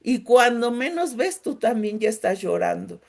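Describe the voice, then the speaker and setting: Mexican woman with a gravelly voice. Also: fairly high pitch, big pitch swings, normal speed. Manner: gentle, emotional, addresses listeners directly with frequent checks. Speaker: grief support group leader. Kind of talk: faith-based grief workshop talk.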